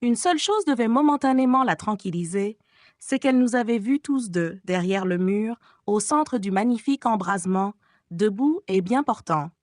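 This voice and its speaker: A woman narrating a classic gothic novel as an audiobook, with expressive storytelling. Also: medium pitch, moderate pace, no room sound, clean studio sound. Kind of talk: scripted narration.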